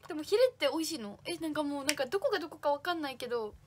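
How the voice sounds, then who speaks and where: Bubbly high-voiced young woman streamer. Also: animated, very fast, background noise. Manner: bubbly, reads comments aloud and thanks fans by name. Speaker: idol livestream host. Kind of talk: casual livestream chat reading fan comments.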